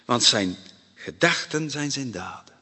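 A man preaching a sermon with emphasis, acting out the voices he quotes and breaking into sudden loud bursts. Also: medium pitch, lively intonation, unhurried, breathy edge. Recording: long hall reverb.

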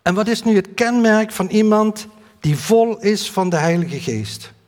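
A man with a high voice preaches earnestly, often stumbling and restarting mid-sentence. His words ring out with a long reverb, as if in a church hall. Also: a little mellow. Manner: earnest, halting with many fillers and restarts. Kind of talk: sermon.

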